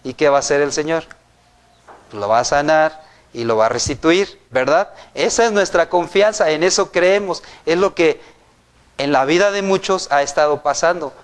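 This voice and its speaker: A man's voice: on the high side, moderate pace, smooth. Mexican man preaching a conversational sermon. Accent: Mexican Spanish. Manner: conversational, asks the congregation frequent rhetorical questions. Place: church.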